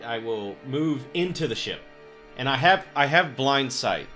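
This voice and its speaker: A man's voice: medium pitch, lively intonation, measured pace, bright, forceful tone, faint music behind. A man chatting casually as a player, stating his moves in a tabletop game.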